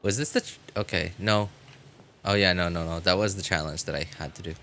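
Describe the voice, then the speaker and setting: A man streams a video game and chats casually, rambling and poking fun at himself. His voice sits low with a fairly bright tone, and he talks briskly. A little hiss or hum is audible.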